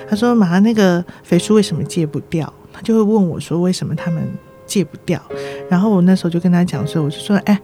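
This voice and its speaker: A middle-aged woman with a Taiwanese Mandarin accent, a nursing director guesting on a podcast, telling lively stories, acting out dialogue and laughing often. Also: lowish voice. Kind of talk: podcast interview.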